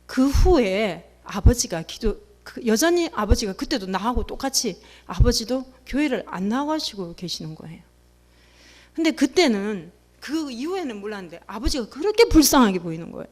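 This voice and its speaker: Animated high-voiced woman preacher. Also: normal speed. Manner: emotional, animated storytelling with acted-out quotes. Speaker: preacher giving testimony. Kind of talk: Friday sermon testimony.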